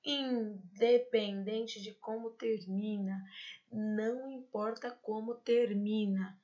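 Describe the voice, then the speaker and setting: A Brazilian woman teaching a high school Spanish class, explaining accent rules patiently and checking in with tag questions. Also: fairly even intonation, takes it slowly, mellow, highs cut off. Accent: Brazilian Portuguese. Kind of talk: online class lecture.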